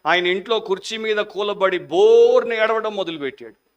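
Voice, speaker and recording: A man preaching a Sunday sermon as a pastor, passionate at the peaks and hushed in prayer, mixing English phrases into his Telugu. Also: high-pitched, normal speed, highs cut off. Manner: fervent preaching, shifting into quiet prayer.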